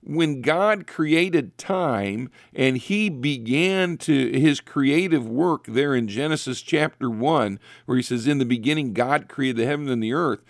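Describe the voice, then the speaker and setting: A man's voice: medium pitch, animated, a little slow, hardly any pauses, no echo, studio quality. A man earnestly explaining theology on a talk show, repeating phrases for emphasis. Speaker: guest Bible teacher.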